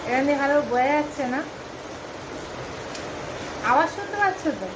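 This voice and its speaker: A middle-aged woman with a Bengali accent, chatting quietly and casually to her viewers in an early-morning home vlog, keeping her voice low so the family can sleep. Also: expressive, a little fast, background noise. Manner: soft-spoken, chatty, talking quietly so as not to wake the household. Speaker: vlogger.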